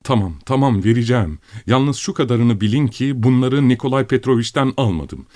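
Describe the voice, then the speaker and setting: A man's voice: mid-range voice, animated, moderate pace, warm tone, no echo, studio quality, voice pushed up, natural voice. A man voicing a distraught, tearful young woman who protests indignantly, in an audiobook story. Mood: tearful defiant. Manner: sobbing, indignant outbursts.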